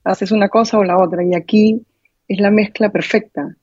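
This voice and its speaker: Breathy woman interviewer, dull dry sound. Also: mid-range voice, steady tone, normal speed, a little mellow, no room sound. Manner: repeats words while forming questions. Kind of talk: interview questions.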